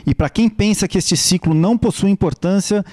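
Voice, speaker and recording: A man's voice: high voice, fairly quick, a little mellow. A man reading scripted news narration in an upbeat reporting manner.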